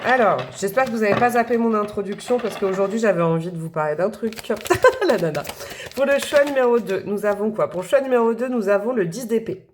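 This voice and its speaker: A woman's voice: mid-range voice, quick pace, hardly any pauses, a little mellow, a little hiss or hum. A woman giving a casual tarot reading to her viewers, talking in a friendly, hesitant way with many fillers and restarts. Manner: friendly, addresses viewers directly. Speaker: tarot reader.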